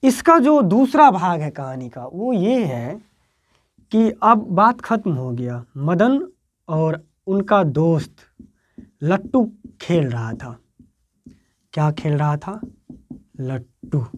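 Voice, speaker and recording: A male teacher with a Bihari accent explains a story to board exam students, acting out its quoted lines, his voice swinging between loud and soft. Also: on the high side, big pitch swings, slow, pauses often.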